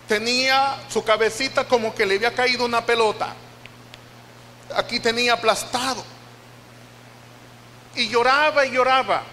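A man's voice: extremely high pitch, pushed and bright, a little hiss or hum. An older Costa Rican man preaching, a pastor telling an emotional testimony with repeated phrases in a church. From Costa Rica. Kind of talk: sermon testimony. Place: church hall. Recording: reverberant church hall.

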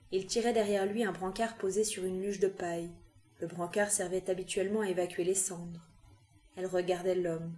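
A woman reading a novel aloud with calm, even narration. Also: medium pitch. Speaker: reader.

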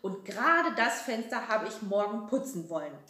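A woman voicing a bossy older grandmother who nags in a shrill, exasperated way, in a children's story reading. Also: lively intonation, normal speed, bright, forceful tone. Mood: grumbling. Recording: roomy echo.

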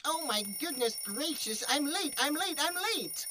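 Woman as a frantic rabbit, high voice, breathless fretting, audio drama, noisy background. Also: animated, moderate pace.

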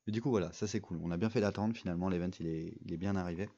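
Low, dark-voiced young man narrating gameplay. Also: very fast, muffled recording. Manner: rambling, full of fillers and restarts. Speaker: gaming video creator. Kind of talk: casual gameplay commentary.

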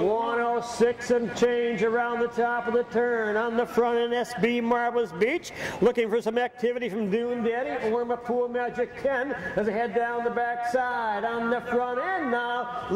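A man calling a harness race live, folksy and joking with the crowd. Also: very high-pitched. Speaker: race announcer. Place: outdoor county fair racetrack. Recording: echoey PA sound from far off, outdoor noise.

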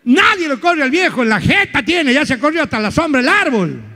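A man with an Argentine accent doing live stand-up comedy, telling stories in loose slang with sudden shouts. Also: extremely high pitch, sing-song, brisk. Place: theater stage. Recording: live hall with long reverb.

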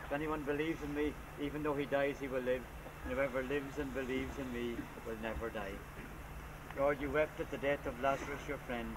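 Solemn priest praying at an outdoor graveside. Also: male voice, medium pitch, fairly even intonation. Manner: measured, formal liturgical delivery. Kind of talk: solemn funeral prayers read at a graveside. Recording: noisy, windy outdoor camcorder recording.

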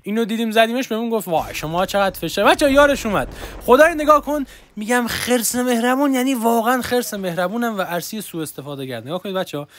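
A young man streaming a mobile shooter, chatting excitedly to his viewers as he plays. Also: high voice. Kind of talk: live gameplay commentary.

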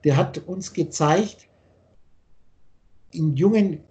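A man's voice: on the high side, slow, darkish tone. An older man from Austria, lecturing at length as a spiritual teacher over a video call, rambling and insistent, often restarting his sentences.

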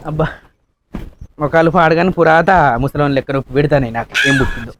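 A man's voice: fairly high pitch, fast, a bit bright, a little hiss or hum. A man acting a village husband in a comedy short film, grumbling to himself in long monologues. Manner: rustic, complaining monologues to himself. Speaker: actor playing a village husband.

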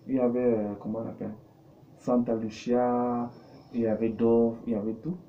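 Recorded in a small indoor studio office, the audio is muffled, dark and noisy. A middle-aged man working as a business coach and consultant talks at normal speed in a medium-pitched, level voice, explaining through examples and rhetorical questions in a conversational way.

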